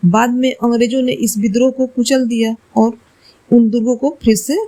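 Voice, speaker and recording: A woman's voice: a little high, fairly even intonation, normal speed, warm tone, low-quality recording. A woman teacher going through quiz questions and answers for exam study, explaining carefully and correcting herself aloud.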